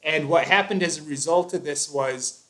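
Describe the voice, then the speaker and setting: A man's voice: a little high, normal speed, fairly bright tone. Chatty opinionated man hosting a livestream. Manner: opinionated, explains at length with fillers and restarts. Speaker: live stream host. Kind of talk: casual live stream chat.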